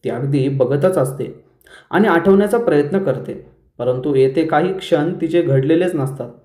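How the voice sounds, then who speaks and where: A man hosting a serial review, retelling the episode scene by scene in a brisk storytelling manner. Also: fairly high pitch, warm tone. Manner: brisk storyteller who briefly lifts his voice for quoted lines. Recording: roomy echo.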